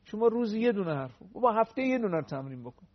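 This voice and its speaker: A man explaining the pronunciation of Quran recitation on a TV talk show, earnest, with slow recited examples. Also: high-pitched, sing-song, lo-fi sound, crowd noise. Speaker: religious guest teaching Quran recitation.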